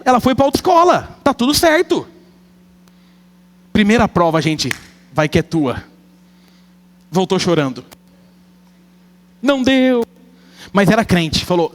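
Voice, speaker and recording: A man preaching a sermon, telling a comic family story with animated delivery. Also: sits high. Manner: animated, comic, acts out family members' voices. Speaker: pastor. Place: church hall. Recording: long church hall reverb.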